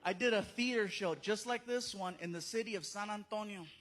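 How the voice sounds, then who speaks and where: A man in his thirties doing a stand-up comedy set in a theater, telling animated stories and slipping into character voices. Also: high-pitched, fairly quick. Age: 30s. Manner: animated storytelling, slips into character voices and bits of Spanish. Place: theater stage with a laughing audience.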